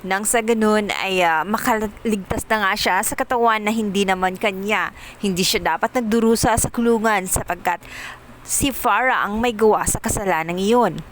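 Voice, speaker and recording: A woman narrating a casual recap of a TV drama episode, telling the story quickly with many fillers. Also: mid-range voice, a little hiss or hum.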